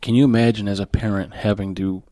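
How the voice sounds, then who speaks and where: A man's voice: fairly low pitch, steady tone, dark tone, no room sound, clean studio sound. A man co-hosting a podcast, talking bluntly and with lots of swearing. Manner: fast, profane, blunt. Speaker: podcast co-host. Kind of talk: casual chat.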